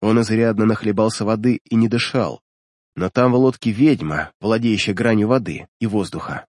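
A man reading a first-person fantasy audiobook with an animated, dramatic delivery, close to the mic. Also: fairly low pitch, normal speed, no echo. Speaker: audiobook narrator.

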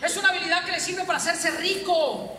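A man giving an animated motivational seminar talk full of stories and jokes to a live audience. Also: very high-pitched, fairly quick. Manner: animated, storytelling, jokes with the crowd. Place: large hall with an audience. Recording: echoey hall, distant mic, crowd and noise.

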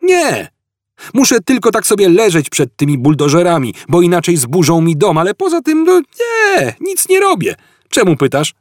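A man reading an audiobook puts on a flustered young Englishman who is fed up and sarcastic. His voice jumps high and swings wildly, and he sounds close to the mic. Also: wildly swooping pitch, takes it slowly, fairly bright tone, breathy edge, dry recording, exaggerated voice. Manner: sarcastic, exasperated, shrill outbursts. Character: flustered indignant young Englishman stuck in mud. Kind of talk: audiobook character voice.

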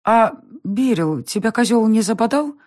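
A woman reading an audiobook, voicing a kind adult woman who talks gently and with quiet amusement to the children around her. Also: a little high, lively intonation, normal speed, voice pushed up, close to an everyday voice. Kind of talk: audiobook character voice.

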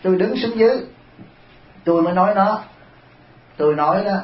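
A man's voice: high-pitched, fairly quick. A man, a Buddhist monk giving a dharma talk, telling humorous stories and addressing the congregation. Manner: humorous, animated storytelling to the congregation. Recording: echoey, dull lo-fi hall.

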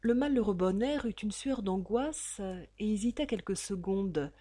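Lectrice lente et expressive. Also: female voice, mid-range voice, a little slow. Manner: expressive, theatrical. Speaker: audiobook reader. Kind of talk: dramatic audiobook narration.

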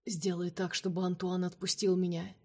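A captive vampire king, as a woman reader puts him on, speaks in a soft, lowered, velvety voice. He coaxes and flatters with slow cunning in this storybook. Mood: seductive.

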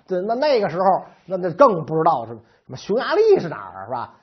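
A man's voice: sits high, wildly swooping pitch, fast talker, husky. A man telling history in a colloquial, joking storyteller style. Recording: slightly dull lo-fi recording.

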